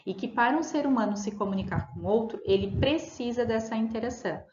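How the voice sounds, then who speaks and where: A woman's voice: on the high side, lively intonation, fairly quick, darkish tone. A woman teaching a remote lesson, explaining patiently and repeating key words with fillers. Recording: roomy, dull lo-fi audio.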